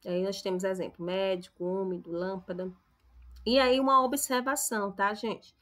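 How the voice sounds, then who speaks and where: A woman's voice: mid-range voice, steady tone, moderate pace, a bit bright. A woman from Brazil, a teacher giving a recorded lesson, who explains step by step, stresses example words and keeps checking in with her students.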